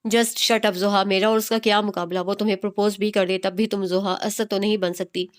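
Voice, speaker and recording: A woman's voice: medium pitch, flat delivery, fairly quick, close to an everyday voice. A woman voicing a proud, possessive young man who commands and warns the heroine. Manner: stern, commanding.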